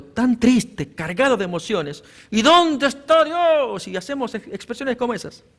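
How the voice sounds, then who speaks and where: High-voiced preaching pastor. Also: male voice, vocal fry, long reverb tail. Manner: preaching with emphatic rises on scripture readings; addresses listeners as brothers. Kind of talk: evangelistic sermon.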